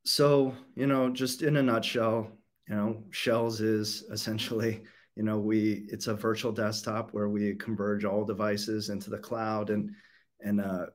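A man's voice: on the low side, flat delivery, a little slow. A young man, a company CEO, giving a casual conference keynote over a webcam call, full of fillers and restarts. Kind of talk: conference presentation. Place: home or office room. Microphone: webcam video call.

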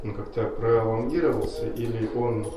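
A man's voice: medium pitch, steady tone, normal speed. A man questioning and arguing face to face as a complaining resident, persistent and repeating himself in an indoor office. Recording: echoey, noisy, distant recorder.

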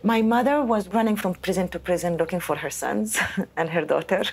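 A woman's voice: fairly low pitch, a little fast, a little mellow. A woman, recalling her own experiences in a documentary interview. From Palestinian territories. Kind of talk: documentary interview, personal recollection.

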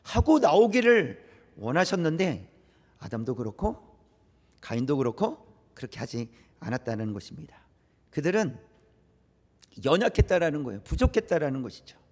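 A man's voice: high voice, a little mellow. A man preaching a sermon as pastor, repeating his points, asking the congregation questions and acting out quoted dialogue. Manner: acts out quoted dialogue in shifting voices. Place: church sanctuary. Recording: long reverb of a church hall.

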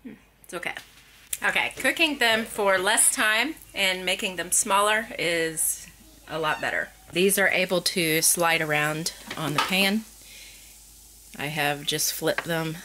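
A woman in her thirties chatting casually while filming herself in her kitchen, thinking out loud as she goes. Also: lowish voice, unhurried, slight background noise. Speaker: family vlogger. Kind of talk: casual vlog chat. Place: home kitchen. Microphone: handheld camera at arm's length.

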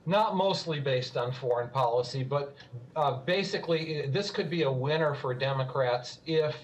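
A man speaking as a pollster by phone, halting, with many fillers. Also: medium pitch. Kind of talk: panel discussion. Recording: dull phone-line audio.

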